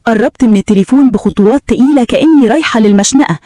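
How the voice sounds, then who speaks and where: An Egyptian woman tells a dramatic story in the first person, with tense, urgent narration. She talks fast in a slightly high voice. The recording is close and dry. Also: mellow, dry recording.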